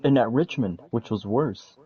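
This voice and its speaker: A man's voice: medium pitch, moderate pace. A teammate in a racing league voice chat, rambling and restarting his sentences. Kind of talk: casual voice chat. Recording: muffled voice chat.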